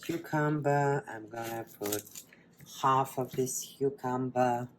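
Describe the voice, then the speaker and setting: A Bulgarian woman with a Bulgarian accent, working as a wellness teacher, guides a breathing meditation and then moves into a cooking demo. Her voice is bass-low with a slight hiss or hum, and she speaks slowly and softly, often trailing off into whispers.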